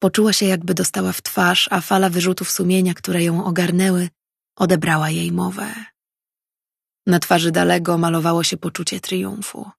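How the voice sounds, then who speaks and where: A woman reading a fantasy audiobook in steady scripted narration. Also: lowish voice, normal speed, vocal fry, breathy edge, no echo, clean studio sound.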